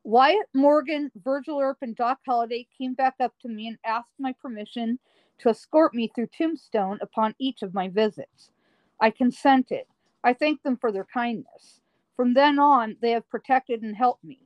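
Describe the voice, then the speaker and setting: A woman's voice: on the high side, no echo, highs cut off. Dramatic woman storyteller, dry sound. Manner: deliberate, dramatic storyteller with drawn-out emphasis. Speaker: guest recounting paranormal experiences. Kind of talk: first-person storytelling in an interview.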